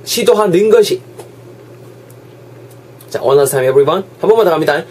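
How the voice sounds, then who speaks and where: A man's voice: on the high side, fairly quick, darkish tone. A young man with a Gyeongsang Korean accent teaching an online English lesson in a chatty, joking way, slipping into dialect for examples. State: unwell but lecturing.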